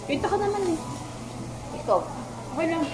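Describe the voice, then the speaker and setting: A woman's voice: extremely high pitch, expressive, normal speed, heavy background noise. A woman with a Filipino accent vlogging through a face mask, chatty and teasing, filmed on a handheld phone. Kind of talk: casual food review vlog. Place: restaurant indoors. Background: music playing.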